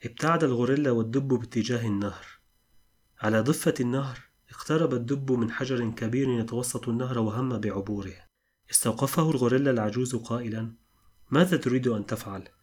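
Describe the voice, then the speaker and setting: A man narrating a satirical animal tale in a plain, brisk way. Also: mid-range voice, a little mellow. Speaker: narrator and writer.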